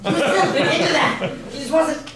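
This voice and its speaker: A woman playing a hideous, boastful fairy-tale bargainer in a student stage comedy, declaiming loudly, recorded from far back in an echoey school theatre. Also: high-pitched, moderate pace, noisy background, natural voice. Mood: grandiose. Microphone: far camera in audience.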